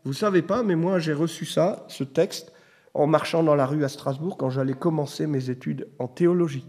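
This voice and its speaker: A man's voice: on the high side, normal speed, darkish tone. A middle-aged man preaching a sermon in a conversational way, telling personal stories and rising to emphatic bursts. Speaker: pastor.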